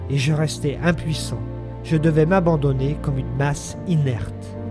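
A man reading a literary text aloud in measured, expressive narration. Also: on the high side, music in the background.

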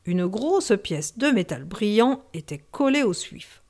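This audiobook narrator is a woman whose mid-range voice gives a novel a measured yet expressive reading.

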